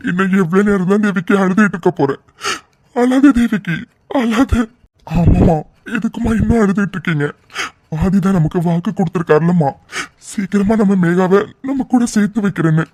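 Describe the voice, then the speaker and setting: A man's voice: high voice, moderate pace, a little mellow. A man voicing a cartoon friend who begs forgiveness and a grieving father, in a pleading, apologetic manner. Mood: soothing. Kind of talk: cartoon voice acting.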